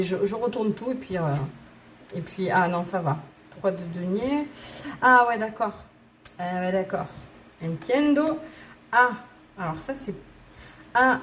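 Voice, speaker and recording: A woman gives a casual card-reading guidance session in a bubbly, giggly way, rambling through fillers and restarts. Her voice sits at an ordinary middle pitch, and she keeps chatting straight to her viewers with self-mocking asides. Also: a little hiss or hum. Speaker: tarot and oracle card reader.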